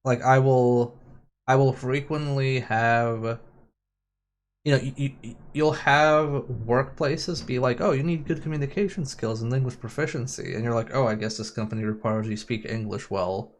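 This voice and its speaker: With a medium pitch, steady tone, and moderate pace, a man chats while streaming. He is casual and rambling, opinionated, swears, and mimics others mockingly, against a backdrop of racing game music.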